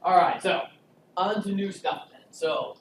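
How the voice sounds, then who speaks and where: A man's voice: high-pitched, a little slow, distant mic, a little hiss or hum. A man teaching a statistics class in a casual, joking lecture style, quizzing his students. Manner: joking, chatty, asks class questions. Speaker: statistics instructor. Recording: echoey classroom recorded from afar.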